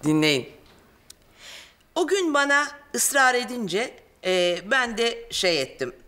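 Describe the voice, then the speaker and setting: A woman's voice: on the high side, very animated, slow, pushed and bright, exaggerated voice. An older actress playing a scatterbrained grandmother who rambles and fumbles for words in sitcom acting. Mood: teasing. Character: scatterbrained grandmother, dry and teasing.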